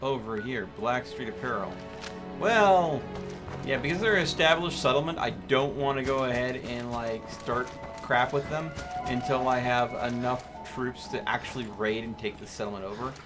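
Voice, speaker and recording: This is casual live commentary on a video game stream: a man speaking at normal speed with a medium-pitched voice, musing aloud and rambling. Game music runs underneath.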